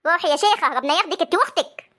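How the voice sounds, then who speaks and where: A combative young Egyptian wife, played by a woman, taunts and complains at breakneck speed. Her voice is very high and bright. She quarrels with her in-laws in a comic family drama. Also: animated, rapid-fire, exaggerated voice.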